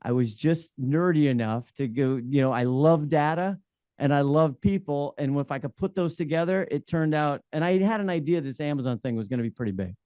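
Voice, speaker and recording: A man's voice: fairly high pitch, brisk, mellow, clear, resonant tone, no room sound. A man in his forties, a podcast guest, telling his career story in a candid, self-deprecating way. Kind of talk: conversational interview.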